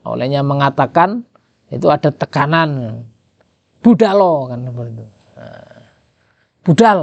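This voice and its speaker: A man's voice: mid-range voice, gravelly, dry recording, lo-fi sound. A man with a Javanese accent teaching Islamic jurisprudence, reading and translating an Arabic text and quizzing his listeners with rhetorical questions.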